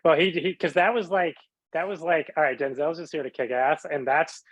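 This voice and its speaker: A man's voice: fairly high pitch, fairly even intonation, fairly quick, no room sound, lo-fi sound. A man, an actor guest, chatting casually with eager, slangy enthusiasm. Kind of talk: casual chat.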